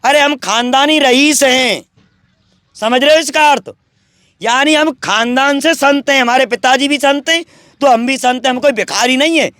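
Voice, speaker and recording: An interviewed wandering sadhu from India's Braj region speaks in a very high, sharp-toned voice at normal speed, recorded in studio quality with no echo. He rambles at length about spirits and devotion, boastful and preachy.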